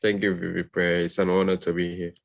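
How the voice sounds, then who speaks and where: A man's voice: deep voice, little pitch movement, brisk, gravelly, no echo. A polite, composed young man from Gambia, introducing himself as a student guest on a video call. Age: young adult.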